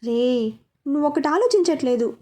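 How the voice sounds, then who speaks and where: Woman reading a calm middle-aged father in a storybook; steady, reasoning tone. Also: sits high, moderate pace.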